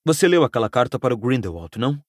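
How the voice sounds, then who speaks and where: A man's voice: mid-range voice, sing-song, fast, no echo, studio quality. A Brazilian man reading an audiobook, voicing a bitter, angry teenage wizard boy who raises his voice in outbursts. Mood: questioning. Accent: Brazilian Portuguese. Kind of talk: audiobook character voice.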